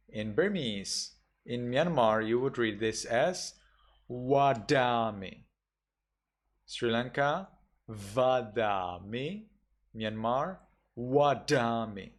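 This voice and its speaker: A man teaches a class at an unhurried pace, in a mid-range voice. He is patient and methodical, saying each example word slowly and then saying it again. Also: mid-range voice. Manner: slow, patient, repeats example words carefully. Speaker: Buddhist monk teaching a class. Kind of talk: online class instruction.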